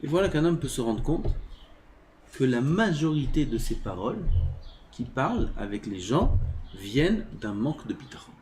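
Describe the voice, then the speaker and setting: A man's voice: medium pitch, very animated, moderate pace, a little mellow, a little hiss or hum. A man teaching a religious lesson as a rabbi. He reads passages of Hebrew text and explains them, asks the class questions, swings his voice up and down and sometimes drops almost to a whisper. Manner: asks the class questions and acts out everyday scenes.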